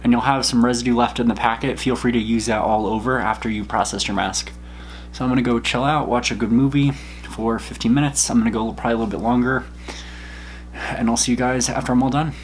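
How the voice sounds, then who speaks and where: A man's voice: mid-range voice, fast talker, a little hiss or hum. A man in his twenties casually chatting to viewers while wearing a sheet mask on his face. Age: 20s. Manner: chatty, relaxed, addresses viewers directly. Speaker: skincare reviewer. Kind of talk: casual product review vlog.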